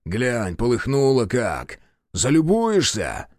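A sardonic, easygoing vampire, played by a male reader who trades mocking quips in a lively, bouncing voice. The sound is dry and close to the mic. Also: mid-range voice, slow, no room sound, exaggerated voice. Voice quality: wry, mocking banter.

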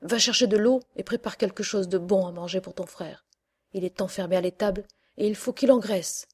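A woman's voice: lowish voice, little pitch movement, normal speed, a little mellow, lightly acted. A woman voicing a cruel, greedy old witch in a storybook reading, barking orders at the children. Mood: harsh commanding. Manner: harsh commanding cries.

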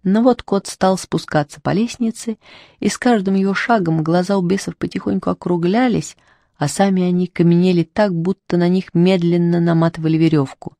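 A storybook narrator reads a fairy tale in an unhurried, wry voice, giving the characters light touches of their own. The voice sits at a middle pitch and is close to the mic in a dry room with no echo. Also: steady tone, dark tone. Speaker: audiobook narrator.

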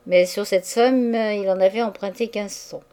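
An audiobook reader, a woman, narrates a classic novel in a measured, expressive way, shaping each phrase with care. Her voice is medium-pitched with a clean tone.

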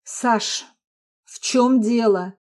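A woman voicing a calm, soothing husband. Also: a little high, extremely slow. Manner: gentle, persuasive tone. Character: calm adult male husband, soothing and patient.

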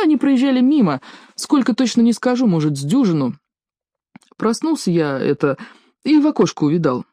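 A woman reading an audiobook, voicing a cowardly male servant who whimpers and pleads in a high voice. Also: dark tone, no echo, clean studio sound.

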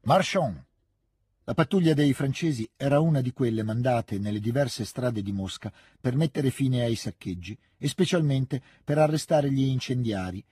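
Man, audiobook narration, measured, dark mellow tone, dry close studio sound. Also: medium pitch, husky, dry recording. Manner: measured, even storytelling. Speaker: audiobook reader. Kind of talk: scripted literary narration.

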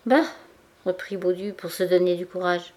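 Brief: woman audiobook reader, measured and expressive, mid-range voice, scripted narration. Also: medium pitch.

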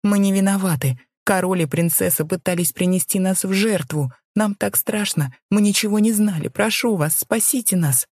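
A woman reading as a young maid who pleads in a high, tearful voice while secretly scheming. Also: fairly quick, darkish tone, no room sound, clean studio sound, lightly acted. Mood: pleading.

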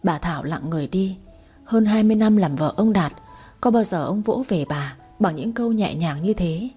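A woman narrating a story as a reader for her audio channel, in a calm, even storytelling manner. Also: on the low side, moderate pace, breathy edge, faint music behind. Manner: calm, even storytelling with dialogue voiced lightly.

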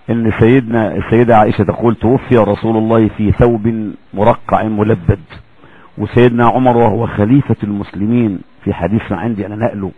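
A man with an Egyptian accent giving a recorded religious lecture in a colloquial, animated way. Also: mid-range voice, no echo, muffled recording. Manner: colloquial, animated, acts out quoted voices.

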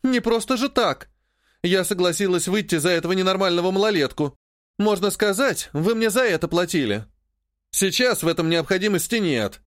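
A man's voice: high voice, lively intonation, moderate pace, no room sound, clean studio sound, pitched above the performer's own voice. A male audiobook reader voicing a capricious, spoiled young noblewoman who whines and sobs at her brother. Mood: petulant. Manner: whiny, petulant, sobbing.

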